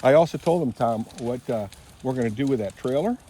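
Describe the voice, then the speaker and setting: A Michigan vlogger in his seventies speaks briskly in a warm, mid-range voice while working outdoors on rural land. His casual, rambling chat is full of self-corrections and was recorded on a handheld phone camera with a little hiss or hum.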